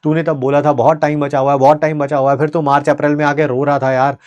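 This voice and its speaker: A man's voice: on the high side, level tone, darkish tone, dull audio, natural voice. A man acting out a stern father who nags and threatens his teenage son over skipped studies. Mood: nagging. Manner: scolding, threatening, rapid nagging.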